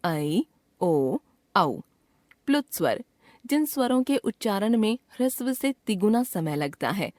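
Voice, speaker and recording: A woman reads a grammar lesson at a very slow, deliberate pace, stretching out the sounds she names. Her voice sits in a middle pitch and sounds dry and close, with no room around it. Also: dark tone, dry recording. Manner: slow, careful, drawn-out enunciation of sounds. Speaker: teacher. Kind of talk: scripted grammar lesson reading.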